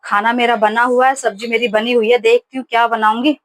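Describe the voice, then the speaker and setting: A woman in her thirties chats casually for her home vlog from her kitchen. Her voice sits a little high and sounds close and dry, and she rambles through stories with plenty of fillers. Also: steady tone, a little fast, no echo. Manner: chatty storytelling with many fillers. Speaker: vlogger.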